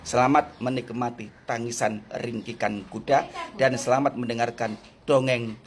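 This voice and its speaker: A man delivering a mocking political rant, taunting and repeating his points with drawn-out emphasis. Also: medium pitch, fairly even intonation, background noise. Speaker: viewer posting a clip.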